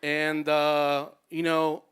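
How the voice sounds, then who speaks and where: A young man telling a personal story on stage, animated and acting out the people he quotes. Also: drawn-out words, smooth. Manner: animated, acts out quotes with big pitch jumps.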